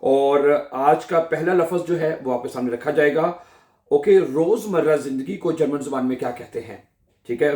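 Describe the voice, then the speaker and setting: A male language teacher giving a slow classroom lesson, drilling each word and phrase over and over and asking his viewers questions before he answers them. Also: fairly high pitch, a little mellow, echoey room. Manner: drills words slowly, repeating each phrase.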